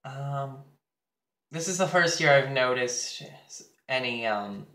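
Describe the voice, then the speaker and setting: A man's voice: medium pitch, lively intonation, slow pace, sharp tone. A teenage boy vlogging casually while getting ready, candid and crude, with plenty of fillers. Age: teens. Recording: echoey room.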